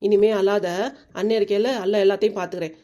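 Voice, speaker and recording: A woman's voice: mid-range voice, fairly even intonation, fast, mellow, lightly acted. Woman doing an earnest cartoon big brother. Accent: southern Tamil. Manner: earnest, argumentative. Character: protective older brother boy.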